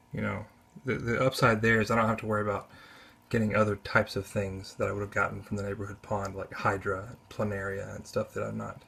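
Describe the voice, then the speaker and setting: A man giving casual off-camera commentary on his home aquarium, talking in a relaxed, halting way with many restarts, recorded on a camera mic in a spare bedroom. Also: on the low side, creaky, slightly rough. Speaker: aquarium hobbyist.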